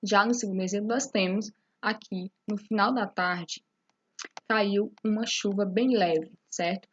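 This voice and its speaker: A woman teacher with a slightly husky voice walks through a lesson at an unhurried pace, checking in again and again to ask whether her students follow. The recording sounds dull and lo-fi. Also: medium pitch, fairly even intonation. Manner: explains slowly, often checking in with "certo?".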